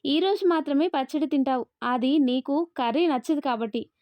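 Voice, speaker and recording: A woman narrating a love story and reading every character's lines in one steady, quick delivery. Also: high-pitched, no room sound, dull audio. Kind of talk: scripted narration of a love story, all parts read by one voice.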